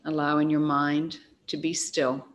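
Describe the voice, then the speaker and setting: A middle-aged woman guiding a yoga relaxation in soft, gentle, unhurried instructions with long pauses. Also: deep voice, flat delivery. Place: large high-ceilinged home living room studio. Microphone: webcam at a distance. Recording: echoey room, faint hiss from webcam.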